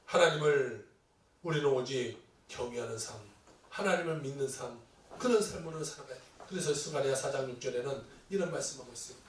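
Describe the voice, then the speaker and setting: A man preaching a sermon as pastor, telling a story with lively acted-out quotes in a church sanctuary. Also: mid-range voice, brisk, a little hiss or hum. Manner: animated storytelling, acting out quoted voices. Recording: echoey hall, distant mic.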